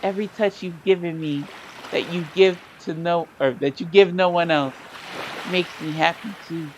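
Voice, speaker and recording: A woman's voice: lowish voice, steady tone, normal speed, a little mellow, slight background noise, close to an everyday voice. A woman reading the lines of an earnest, devoted young heroine in a story game, in her own tender voice.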